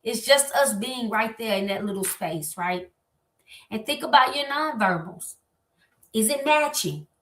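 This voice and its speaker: Bright, lively woman in a roomy space. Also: on the high side, unhurried. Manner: lively, animated, talks straight to listeners. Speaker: host. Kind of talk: motivational talk on relationships. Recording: echoey room.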